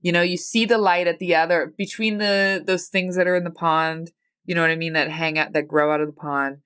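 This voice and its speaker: A woman's voice: lowish voice, steady tone, brisk, fairly bright tone, clean tone. Rambling heartfelt woman podcaster. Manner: rambling, heartfelt, with many fillers and restarts. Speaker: podcast host. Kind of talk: confessional solo podcast talk.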